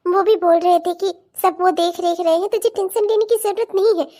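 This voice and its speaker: Woman voicing a protective cartoon mother, tender, very high. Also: steady tone. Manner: tender, warm-hearted, quick to defend. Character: fond, protective middle-aged mother of the bride.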